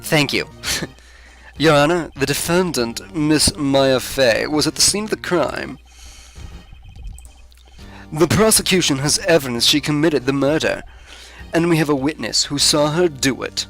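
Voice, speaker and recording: A man voicing a crisp, confident game prosecutor. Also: fairly high pitch, measured pace, long pauses, fairly bright tone, faint music behind. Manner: crisp, formal. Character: cool, confident male prosecutor. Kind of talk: fan voice-over of a video game.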